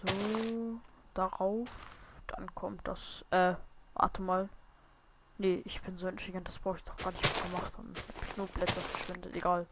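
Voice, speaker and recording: A woman's voice: on the low side, level tone, normal speed. Woman muttering over noisy game commentary. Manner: mutters and whispers asides to herself; bursts into loud startled shouts. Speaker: let's play gamer. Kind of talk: casual gameplay commentary. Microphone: desk microphone. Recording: noisy home mic with hiss and clicks.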